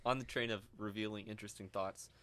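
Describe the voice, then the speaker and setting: Young man reading research, low voice. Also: steady tone, quick pace, pushed and bright. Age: young adult. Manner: reads research aloud, stumbles over names, laughs often. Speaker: podcast co-host. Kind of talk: casual podcast chat.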